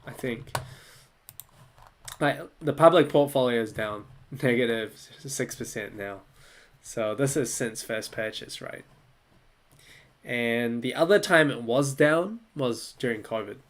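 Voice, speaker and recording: A young man from Malaysia, hosting a casual livestream Q&A at his desk, relaxed and chatty, often laughing and thinking aloud. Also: medium pitch. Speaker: livestream host answering viewer questions. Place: small room indoors.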